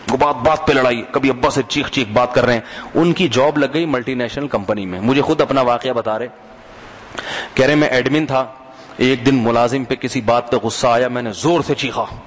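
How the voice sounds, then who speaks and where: A man's voice: mid-range voice, normal speed. Male preacher in a reverberant hall. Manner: conversational, keeps asking the audience to respond; tells humorous anecdotes. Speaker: religious preacher. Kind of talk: sermon.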